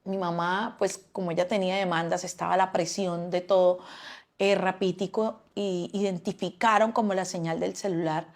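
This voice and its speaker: A woman's voice: fairly low pitch, steady tone, moderate pace. A woman giving a personal testimony, often stopping and repeating words as she recounts events.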